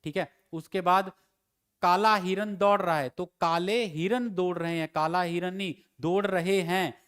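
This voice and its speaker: A man with a Himachali Hindi accent teaches a grammar class for exam candidates. His voice sits high and rings clean and resonant. He works through example sentences methodically, saying each one slowly before giving the fix. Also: fairly even intonation, fairly bright tone, smooth. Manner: repeats each example sentence slowly, then gives the corrected version. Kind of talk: exam-prep grammar lecture.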